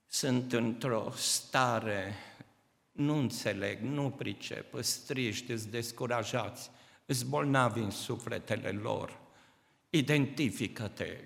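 A man preaching a sermon to a congregation, impassioned, swinging between loud outbursts and hushed, tearful passages. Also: mid-range voice, vocal fry. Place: church hall. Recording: reverberant church hall.

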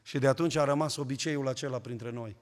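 A man preaching a fervent sermon as a pastor, swinging between loud and hushed passages. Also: medium pitch, in a large hall. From Romania.

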